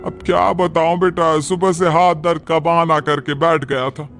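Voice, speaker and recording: A man puts on a stern middle-aged mother-in-law in a cartoon. She barks orders and nags in a slightly raised voice. Soft music plays behind her. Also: on the high side, flat delivery, normal speed, natural voice. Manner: scolding, commanding. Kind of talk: cartoon voice acting.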